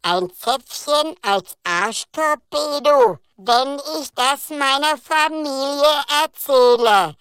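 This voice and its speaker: A man's voice: fairly bright tone, no room sound, heavily acted. A man voicing a cheeky male alien who speaks through a translator, drawling and teasing. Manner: slow, high, teasing.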